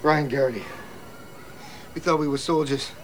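A man's voice: medium pitch, fairly even intonation, normal speed, fairly bright tone, natural voice. An actor playing a young Belfast man with a violent past, speaking in a Northern Irish accent, urgent and clipped. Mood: confessional. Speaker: film character.

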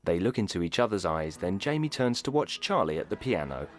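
A man's voice: deep voice, sing-song, fairly quick, background noise. A man giving scripted audio description narration of what happens on screen.

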